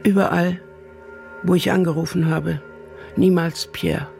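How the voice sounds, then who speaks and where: A woman's voice: fairly low pitch, fairly even intonation, unhurried, creaky, darkish tone, soft background music. A woman playing a lonely, half-paralyzed aging mother in a radio drama, pleading with her returned son. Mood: bitter pleading. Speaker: mother figure in a radio play.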